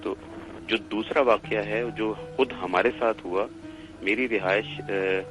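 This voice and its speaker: A man's voice: on the low side, slow, over music. Middle-aged man telling a ghost story. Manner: animated, acts out family members' lines. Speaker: caller telling a haunting story. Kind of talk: casual storytelling.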